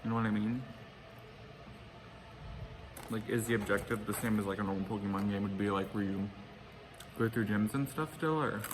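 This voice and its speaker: A man's voice: on the low side, normal speed, pauses often. A man rambling casually to his viewers as he eats fried chicken in a mukbang, recorded outdoors. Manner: eating fried chicken while talking. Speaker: vlogger hosting an eating show. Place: outdoors by a pool. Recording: clearly noisy outdoor ambience.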